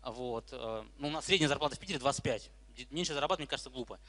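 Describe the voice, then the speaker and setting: Brisk lisping young man in an echoey hall. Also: medium pitch, sharp tone. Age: 20s. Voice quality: lisp with slushy sibilants from braces. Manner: blunt, brash, slangy. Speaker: speaker at a startup investment talk. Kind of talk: informal public talk to an audience. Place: hall with live audience. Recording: echoey hall with long reverb.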